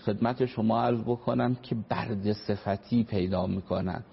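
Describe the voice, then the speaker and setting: A lowish, steady voice, creaky and slightly rough, comes from a man serving as a family counselor on a radio talk show. He earnestly explains parenting through examples and polite formal phrasing, and the broadcast sounds dull and lo-fi.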